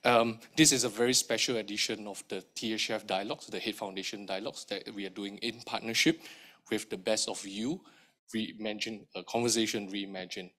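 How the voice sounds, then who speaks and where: A man with a hoarse, recovering voice giving formal opening remarks at an event, measured with frequent ums. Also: fairly low pitch, steady tone, bright, forceful tone. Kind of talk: formal speech at a public event.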